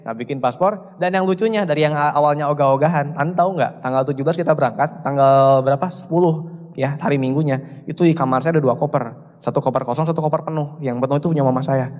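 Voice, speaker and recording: A young man speaks quickly in a fairly high voice, spinning jokey stories and firing questions at the crowd. His talk comes across as a motivational seminar, and a long reverb trails behind every phrase. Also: darkish tone, dull audio. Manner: jokey storytelling, keeps quizzing the audience.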